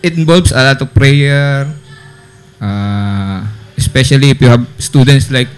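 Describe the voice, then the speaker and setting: A man's voice: mid-range voice, unhurried, clean tone. A man with a Filipino accent, a teacher answering questions in a casual school radio interview, playful and joking, often restarting his sentences.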